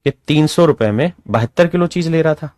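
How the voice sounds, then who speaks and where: A man, middle-aged, teaching a math lesson with a somewhat high voice. He talks to his students in a folksy, coaxing way and keeps checking that they follow. The sound is dry and close. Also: fairly quick, a little mellow, no echo. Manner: folksy, addresses students as his dear children; asks frequent check questions.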